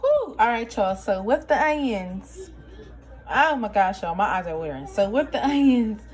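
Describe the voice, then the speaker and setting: A woman's voice: medium pitch, expressive, normal speed, husky. A young adult woman chatting casually to viewers while cooking in her home kitchen, folksy and talkative. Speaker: cooking vlogger.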